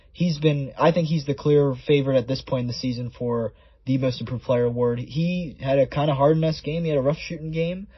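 A man's voice: mid-range voice, husky, no echo. A man hosting a solo sports podcast in a conversational, stat-by-stat way, his voice sounding muffled and underwater. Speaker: podcast host.

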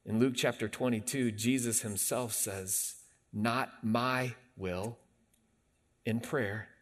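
A man's voice: mid-range voice, steady tone, slow, a bit bright. A man in his late forties, a pastor delivering a conversational sermon that rises into emphatic bursts. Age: 40s.

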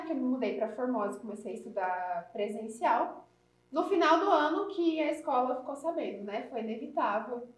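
High-voiced teenage girl, echoey room. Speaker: young author, guest. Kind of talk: casual interview answers.

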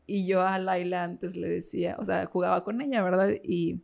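A woman's voice: lowish voice, level tone, moderate pace, creaky, darkish tone. A woman, a podcast guest telling a personal story with feeling and many fillers. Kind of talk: casual interview chat.

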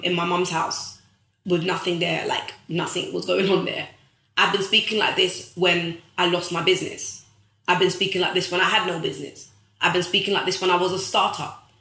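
A woman from the United Kingdom speaks to her online followers in a preachy, rallying way, hammering home the same phrases again and again. Her voice is bright and forceful. The room around her rings with plenty of echo. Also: mid-range voice. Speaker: livestream host and author. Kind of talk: motivational livestream talk. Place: bedroom at home.

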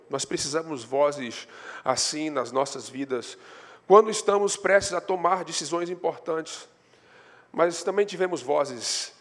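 A Brazilian man preaches in a church, his voice sitting a little high for a man. He tells stories, lifting his pitch and force when he drives a point home. A long reverb trails each phrase through the sanctuary. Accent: Brazilian Portuguese. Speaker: pastor. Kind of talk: sermon.

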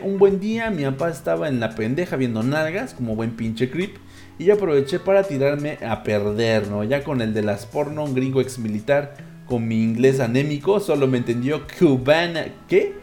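Speaking at a normal pace with an expressive, mid-range, slightly mellow voice, this Mexican-accented man runs a casual live call-in show online. Faint music plays behind him as he reads listener messages in jokey, crude slang.

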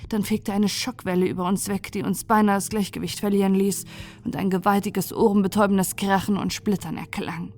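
A woman narrating a sci-fi horror audiobook in a calm, soft, measured way for falling asleep. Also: mid-range voice.

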